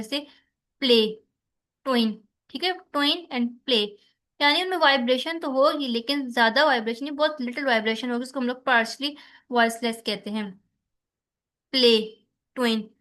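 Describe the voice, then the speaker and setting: A woman's voice: high voice, sharp tone. A young woman teaching a phonetics lesson online, explaining step by step, mixing English terms into her talk and correcting herself often. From Pakistan. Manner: explanatory, mixes English terms into Hindi, frequent fillers and self-corrections. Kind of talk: online lecture.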